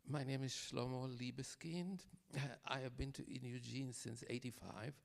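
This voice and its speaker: A man's voice: medium pitch, fairly even intonation, measured pace, gravelly. Older israeli-born guy, crackly voice, echoey hall. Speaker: panelist. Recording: long hall reverb.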